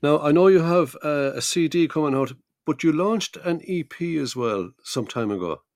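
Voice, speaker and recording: A man's voice: fairly high pitch, expressive, moderate pace, darkish tone, no echo, studio quality. A man with an Irish accent hosting a podcast and interviewing a guest conversationally. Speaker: podcast host.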